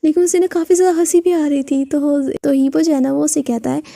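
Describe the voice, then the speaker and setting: Chatty woman storyteller, high gravelly voice. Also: fairly even intonation, fairly quick, warm tone, no room sound. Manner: chatty, with frequent fillers and restarts. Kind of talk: casual story narration.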